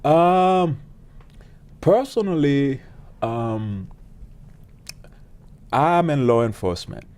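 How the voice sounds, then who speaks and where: A man, a pastor and police officer telling his story as an interview guest in an earnest, halting way with many fillers. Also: mid-range voice, animated, darkish tone. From Haiti. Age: late 30s.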